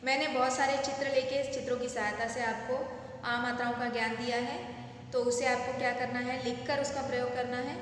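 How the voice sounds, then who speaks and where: A woman teacher speaks slowly and patiently to young children, breaking each word into its syllables. Her voice is high and bright. It rings out with heavy echo and a long reverb tail, as if in a big bare room. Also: level tone, slight background noise. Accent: Hindi-speaking India. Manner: sounds out words syllable by syllable, asks the class to repeat. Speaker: primary school teacher. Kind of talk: slow, patient phonics lesson for young children.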